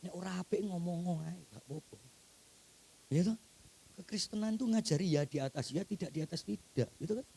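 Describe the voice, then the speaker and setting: A male pastor with an East Javanese accent preaching a sermon to a church congregation. He swings between loud exclamations and hushed whispers and keeps addressing the listeners directly. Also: sits high, fairly quick, vocal fry, husky. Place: church hall.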